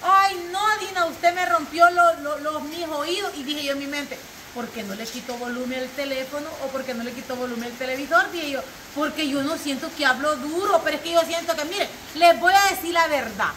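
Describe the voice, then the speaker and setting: A woman, talking loudly in casual banter as a vlog host. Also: high voice, fairly quick. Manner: loud, near-shouting talk. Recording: steady hiss on recording.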